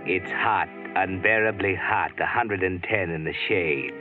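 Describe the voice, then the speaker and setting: On an old radio broadcast recording, a grim male narrator addresses a hunted woman in the second person with tense urgency. His low, measured voice has phone-like quality and plays over music.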